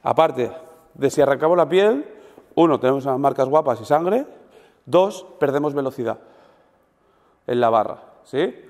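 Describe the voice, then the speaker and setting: A man coaching a weightlifting seminar group, animated and demonstrative, checking in with his listeners after almost every point. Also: mid-range voice, moderate pace, long pauses. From Spain. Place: large gym hall. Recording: long gym reverb.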